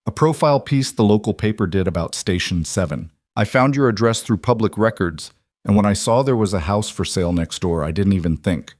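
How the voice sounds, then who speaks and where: A man voicing a weary, grieving young widow in a storybook reading, in his own low, dry voice. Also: brisk, a little mellow, no echo, lightly acted. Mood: confessing. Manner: tired, pleading.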